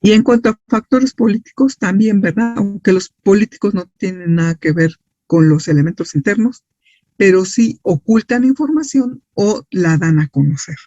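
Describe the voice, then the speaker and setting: A man's voice: high-pitched, normal speed, warm tone, no room sound. A man with a Mexican accent lecturing as a science teacher, explaining didactically with rhetorical questions and checks for agreement. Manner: didactic, asks and answers own questions, often seeks agreement with tag questions. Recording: dull, lo-fi, dry sound.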